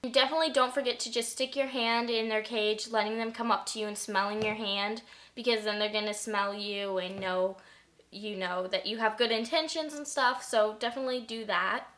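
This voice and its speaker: Young woman vlogger, a bit high-pitched, loose and chatty how-to delivery. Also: fairly even intonation, brisk, fairly bright tone. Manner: chatty, lots of fillers. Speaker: pet vlogger. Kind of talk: casual how-to vlog.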